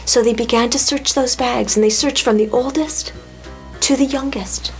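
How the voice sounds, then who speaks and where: A woman telling a Bible story to children, talking warmly and putting questions to them. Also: on the high side, steady tone, moderate pace, soft background music. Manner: warm, asks the children questions.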